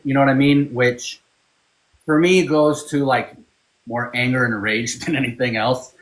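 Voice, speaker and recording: A man with a middle-pitched voice speaks in a relaxed, candid way on a podcast. He drifts through his thoughts and keeps checking in with the others. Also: poor audio. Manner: laid-back, candid, leans on "you know what I mean". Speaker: podcast co-host. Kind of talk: casual chat.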